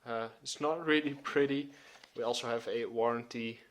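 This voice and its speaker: A man of twenty hosting his own channel, giving a relaxed, filler-filled watch review. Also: medium pitch, normal speed, a little hiss or hum. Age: 20s. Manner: relaxed, hesitant with many fillers. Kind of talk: casual video review.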